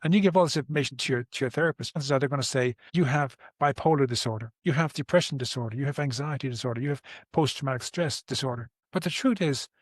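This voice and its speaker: An Irish therapist in his sixties speaks fast with hardly any pauses, his voice mid-range, as he explains his approach in conversation. He sounds earnest, restarts and repeats words, and gives everyday examples. The studio sound is clean, with no room sound.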